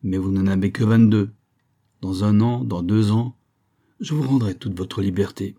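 Firm, courteous colonel in a classic novel reading, a man doing a measured, dark voice. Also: fairly low pitch. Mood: persuasive. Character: wealthy young colonel, firm yet courteous. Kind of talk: audiobook reading.

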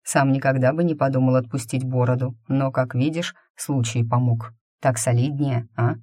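A woman reads a tender middle-aged father in a storybook, soothing his daughter with a gentle, low voice and a touch of humor. The tone is mellow and the sound is dry. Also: fairly even intonation, normal speed, dry recording. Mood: gently joking.

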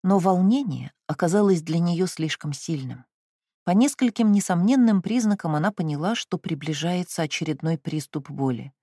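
Audiobook narrator, even measured reading, middle pitch, dry booth sound. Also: dry recording. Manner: even, measured reading, including translator's notes. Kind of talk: scripted narration.

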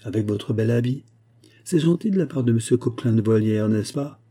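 A man's voice: mid-range voice, expressive, fairly quick, warm tone, close to an everyday voice. A man reading an audiobook, voicing a big, cheerful male musketeer just roused from sleep. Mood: jovial.

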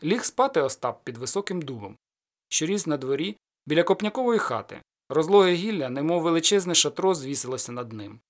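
A man reading an adventure tale aloud in steady storytelling narration. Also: fairly quick. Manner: steady storytelling, lowers voice after quotes. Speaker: audiobook narrator. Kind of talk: scripted narration of a folk adventure.

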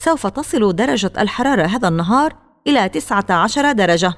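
A woman voicing a cheerful mother who speaks in a calm, matter-of-fact way in a storybook. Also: mid-range voice, quick pace, close to an everyday voice. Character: cheerful mother who gives daily weather reports.

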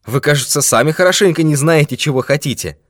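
A man's voice: fairly high pitch, fast talker, no room sound, studio quality, voice pushed up, lightly acted. A man voicing a great detective who is stern but patient with a client. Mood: firm. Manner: firm, exasperated.

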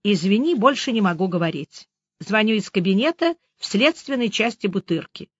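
A woman's voice: mid-range voice, animated, normal speed, no echo, close to an everyday voice. A woman narrator voicing a weary, grim middle-aged police major who speaks curtly and tiredly. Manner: curt and tired. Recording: dry, slightly dull audiobook recording.

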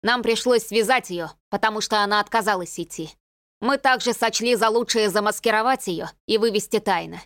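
A woman's voice: medium pitch, a little fast, a bit bright, no echo, clean studio sound, close to an everyday voice. A woman reading the part of a stony, scornful knight in an audiobook. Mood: cold. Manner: cold, dismissive.

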